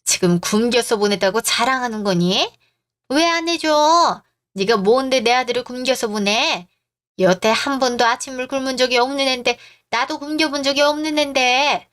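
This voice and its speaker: A woman's voice: fairly high pitch, moderate pace, fairly bright tone, natural voice. A woman voicing an indignant middle-aged mother-in-law who scolds her son's wife in a radio drama.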